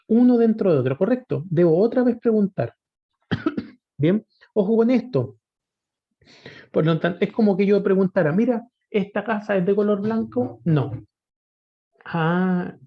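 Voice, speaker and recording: A man teaching a spreadsheet lesson, patiently asking rhetorical questions and often checking that students follow. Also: sits high. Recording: dull lo-fi recording.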